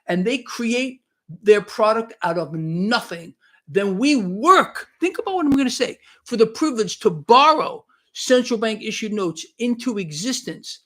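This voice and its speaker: A man's voice: sits high, gravelly. A man in his late fifties hosting a live stream, commenting on markets in a fervent, preachy way, with many restarts and repeats. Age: 50s. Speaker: financial livestream host. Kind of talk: unscripted live-stream commentary, reading chat.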